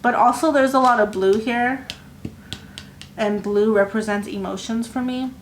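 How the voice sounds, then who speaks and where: A woman giving a casual tarot reading, talking in a rambling, halting way with many fillers and restarts. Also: a little high, fairly even intonation, a little hiss or hum. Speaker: tarot reader. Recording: echoey room with faint ambience.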